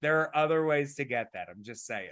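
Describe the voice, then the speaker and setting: A man co-hosting a podcast in casual chat, his voice raspy, talking emphatically with many fillers and restarts. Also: medium pitch, lively intonation, fairly quick, fairly bright tone. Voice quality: raspy today. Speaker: podcast co-host.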